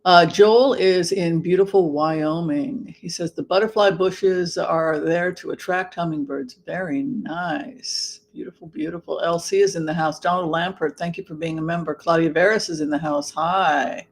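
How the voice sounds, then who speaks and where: A livestream host with a mid-pitched voice talks casually to an online audience. The delivery is camp and theatrical, with drawn-out words and halting phrases. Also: steady tone. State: allergies, occasional throat clearing. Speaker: livestream host and tarot reader. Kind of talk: casual livestream chat, greeting viewers.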